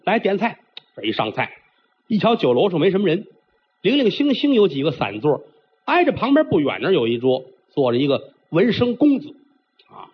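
A male storyteller tells a traditional tale in a theatrical, chatty way. His voice is high and swoops widely, with a husky grain. It comes through a dull, lo-fi recording. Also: normal speed, soft background music. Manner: animated, theatrical, chatty asides.

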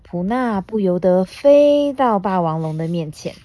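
A woman reading a picture book aloud as podcast host, gently asking a child questions along the way. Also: medium pitch, animated, unhurried, dry recording.

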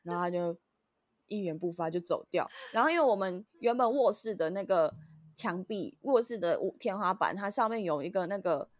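A woman's voice: mid-range voice, moderate pace, dry recording, studio quality. A woman co-host, telling an annoyed story in casual chat. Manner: animated, frustrated storytelling. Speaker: podcast co-host.

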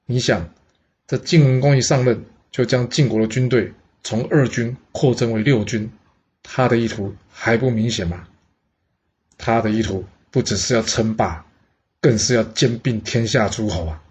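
A man's voice: medium pitch, moderate pace, a little mellow, a little hiss or hum, close to an everyday voice. A man voicing an aging male envoy who reasons earnestly, step by step. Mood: persuasive. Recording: dull lo-fi audio.

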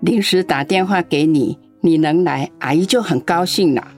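An older actress voices a lonely, doting grandmother in a radio drama, her fairly low, darkish, natural voice moving at normal speed over soft background music. She coaxes and chats affectionately, coughing now and then.

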